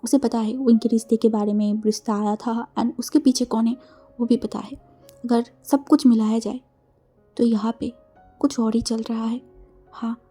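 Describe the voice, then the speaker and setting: A woman's voice: a little high, dark tone. A woman narrating a fan fiction story in a casual, chatty way, dropping in English connecting words.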